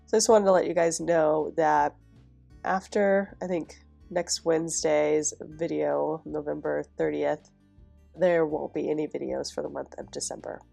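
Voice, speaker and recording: A young woman who runs a planner vlog chats casually in a voice-over while decorating her planner, sounding stuffy and nasal from a cold. Her voice is low, unhurried, and gravelly, with soft music in the background. She comes across as chatty and relaxed, laughing softly now and then.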